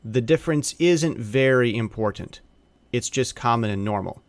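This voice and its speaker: A man teaching phonics and spelling in a slow narration, sounding out letters and vowel sounds one by one. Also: mid-range voice, lively intonation, no echo.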